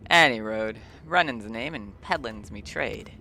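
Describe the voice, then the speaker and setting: A man voicing a talkative old male ship merchant, gruff and rambling. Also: mid-range voice, animated, normal speed, pushed and bright, faint music behind, heavily acted. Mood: chatty. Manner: gruff and rambling, drops dialect words.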